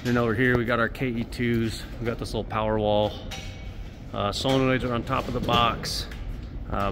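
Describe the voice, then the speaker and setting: Over background noise, a man with a voice on the low side gives casual narration of his refrigeration technician work. Recorded by a head-mounted camera at night on a rooftop and inside equipment rooms, he lays out every step plainly and curses a lot.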